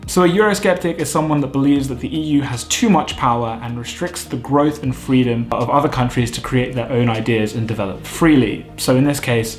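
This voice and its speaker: A man hosting a vocabulary lesson, explaining terms clearly with light jokes. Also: mid-range voice. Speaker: vocabulary teacher, channel host. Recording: echoey room with faint music.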